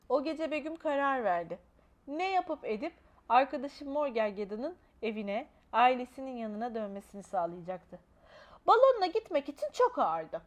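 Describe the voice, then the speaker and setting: A woman expressively reading a children's storybook aloud. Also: high voice.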